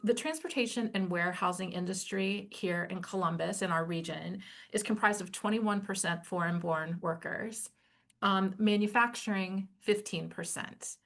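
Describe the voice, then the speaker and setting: A woman moderates a webinar in a conversational way, filling her sentences with ums and you-knows. Her voice has a gravelly, creaky edge. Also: medium pitch, a bit bright. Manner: conversational, many "um" and "you know" fillers.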